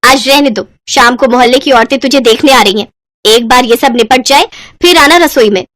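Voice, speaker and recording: A woman voicing a harsh, bossy elder sister-in-law in a cartoon story, who scolds and shouts. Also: high voice, normal speed, no room sound, studio quality. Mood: scolding.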